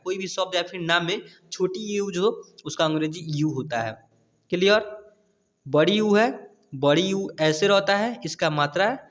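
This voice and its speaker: A man gives a patient step-by-step lesson with a fairly high voice. He keeps checking that his pupils have understood. His voice rings with a long reverb. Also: a bit bright. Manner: patient, repeats "clear?" checks. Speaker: teacher. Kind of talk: explaining spelling at a board.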